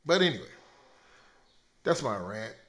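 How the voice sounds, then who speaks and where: A man with a sore throat hosting a rambling solo podcast rant, profane and swinging between loud outbursts and low mutters. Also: very animated, unhurried. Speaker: podcast host.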